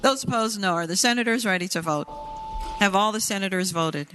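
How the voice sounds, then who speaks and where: A woman presiding over a state senate session, briskly reciting formal voting calls. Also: mid-range voice, fairly bright tone, faint music behind. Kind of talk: formal parliamentary procedure. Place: legislative chamber.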